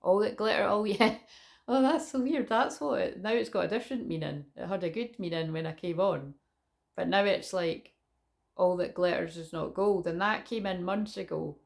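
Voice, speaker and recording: Chatty British woman with a creaky voice. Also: mid-range voice, normal speed. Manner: candid, chatty, sweary. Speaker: psychic tarot reader and online host. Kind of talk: informal spiritual vlog chat.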